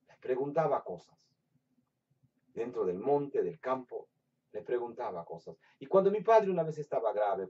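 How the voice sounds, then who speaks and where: A preacher from Latin America giving a sermon with personal testimony, swinging between loud, emphatic bursts and hushed storytelling. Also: male voice, fairly low pitch. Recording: distant, dull lo-fi sound.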